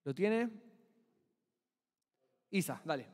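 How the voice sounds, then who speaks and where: A man's voice: fairly high pitch, very animated, drawn-out words, darkish tone. A man with an Argentine accent preaching a sermon and dramatizing the scene he describes in a church hall. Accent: Argentine Spanish.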